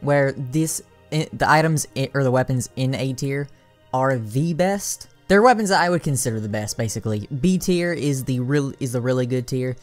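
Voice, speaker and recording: A tired-sounding gaming creator talks loosely through a tier list, stumbling over restarts and fillers before getting suddenly excited. The pitch sits in an ordinary middle range, and soft music plays faintly underneath. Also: normal speed. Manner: rambling and filler-heavy, with restarts and bursts of excitement. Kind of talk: casual tier-list commentary.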